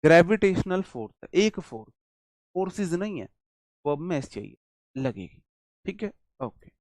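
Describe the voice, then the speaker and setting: A man from India teaching an English grammar class, speaking slowly and emphatically, drawing out example words and asking questions he answers himself. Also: high-pitched, very animated, dry recording, clean studio sound. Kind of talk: classroom lecture.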